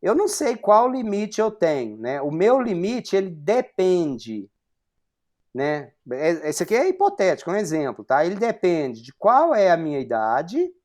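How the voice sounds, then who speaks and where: A man's voice: high voice, huge pitch swings, unhurried, a little mellow. Man in his forties lecturing with many fillers. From Brazil. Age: 40s. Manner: explanatory, many fillers and rhetorical questions. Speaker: university lecturer. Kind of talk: online lecture at a whiteboard.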